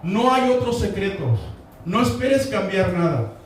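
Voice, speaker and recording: Preaching a sermon in a church sanctuary, a male pastor speaks in a high, sing-song voice at a measured pace. He repeats his main lines and calls for the congregation to answer. The sound is distant and echoey, with slight background noise.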